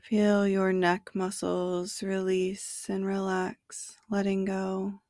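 A woman narrating a guided sleep meditation in a hushed, soothing bedtime manner that at times nears a whisper. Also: mid-range voice, monotone, takes it slowly, no echo, studio quality. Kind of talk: sleep meditation narration, slow body scan.

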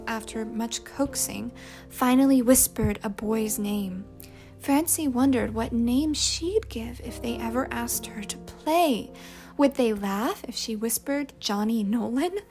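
Audiobook narrator: woman, high voice, very unhurried, faint music underneath. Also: a little mellow. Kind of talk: scripted narration.

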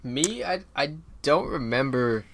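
Young male co-host, casual, halting, pokes fun at himself. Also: medium pitch, animated, a bit bright, slight background noise. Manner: rambling, halting, self-mocking. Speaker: podcast co-host. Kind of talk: casual chat.

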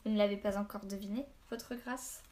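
A woman's voice: mid-range voice, steady tone, fairly quick, darkish tone, lightly acted. A woman reading the lines of a treacherous male Saxon captain who is cold and mocking, in a curt, sneering way.

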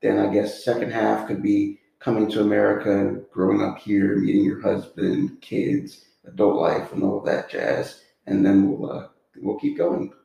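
A man's voice: on the low side, steady tone, normal speed, creaky, mellow, dull audio. A man hosting a self-improvement podcast interview, speaking in a friendly, loose way with plenty of fillers and restarts. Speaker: podcast host. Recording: roomy echo.

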